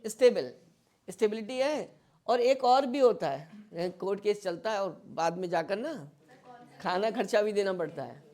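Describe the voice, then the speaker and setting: A man's voice: high-pitched, expressive, a little mellow. Man teaching physics, quizzing students. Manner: keeps quizzing students with quick questions; mixes English terms into Hindi explanation. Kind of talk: classroom lecture.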